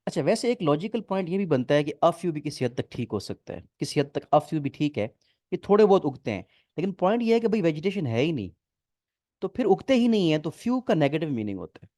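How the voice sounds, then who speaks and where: Guy teaching a grammar class, keeps asking "clear?", dry recording. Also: fairly high pitch, sing-song, fairly quick, darkish tone, no echo. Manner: explains step by step, checks often if students follow. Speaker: English teacher. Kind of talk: online class explanation.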